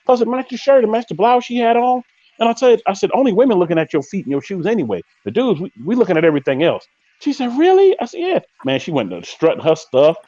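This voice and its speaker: A man hosting a live podcast, chatting casually and telling stories in a slangy, animated way, acting out quoted lines. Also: sits high, fast talker, no echo, dull audio. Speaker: podcast host. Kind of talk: casual live-stream chat.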